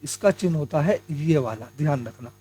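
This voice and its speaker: High-voiced Hindi grammar teacher. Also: male voice, animated, moderate pace, dark tone, husky, soft background music. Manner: explains step by step, asks and answers his own questions; addresses viewers as friends. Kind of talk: exam-prep lesson.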